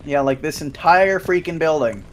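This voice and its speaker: A man's voice: fairly high pitch, expressive, normal speed, a little hiss or hum. A young man chatting during a co-op war game, dry and joking, swearing when something startles him, on a headset mic. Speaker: gamer. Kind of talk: co-op gameplay chat.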